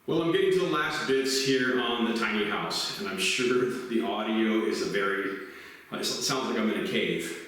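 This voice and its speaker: A man's voice: fairly low pitch, moderate pace. Man sounding like he's in a cave. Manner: relaxed, with filler ums. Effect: echoey cave-like sound. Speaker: DIY builder. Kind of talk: casual build walkthrough. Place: inside a small unfinished tiny house.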